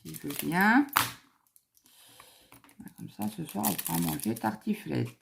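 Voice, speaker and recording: Gravelly low-voiced woman chatting. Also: expressive, slow pace, background noise. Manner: chatty rambling storytelling. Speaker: craft vlogger. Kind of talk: casual chat while crafting.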